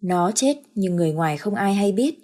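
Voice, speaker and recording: A woman narrating an audiobook story in a steady, plain storytelling manner. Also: mid-range voice, a little fast.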